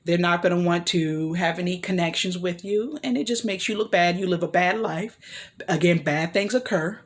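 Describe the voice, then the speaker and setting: A woman's voice: on the low side, moderate pace. A woman vlogger giving an earnest motivational talk, rambling with frequent restarts and apologies. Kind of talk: motivational personal talk to camera.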